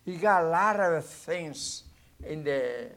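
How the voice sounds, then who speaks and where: Delivering a sermon in non-native English, an animated man speaks haltingly with many restarts, shifting from loud outbursts to quiet asides.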